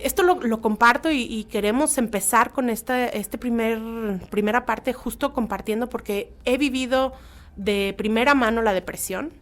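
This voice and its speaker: A woman, a psychologist sharing her own experience in a casual podcast chat, animated and full of restarts. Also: a little high. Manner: animated, many restarts and quoted asides. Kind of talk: personal testimony in casual chat.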